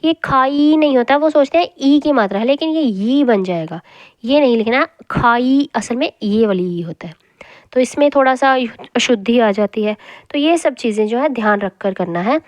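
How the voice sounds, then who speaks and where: A woman teaching a Hindi grammar lesson, speaking slowly and repeating each word as she drills spellings aloud. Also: fairly high pitch, animated, dry recording, dull audio. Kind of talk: classroom lesson explaining spelling.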